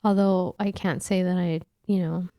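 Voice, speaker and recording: A woman's voice: on the low side, steady tone, moderate pace, dark tone, no echo, studio quality. A woman hosting a podcast in casual chat, losing her voice, chatty and laughing often as she talks. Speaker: podcast host.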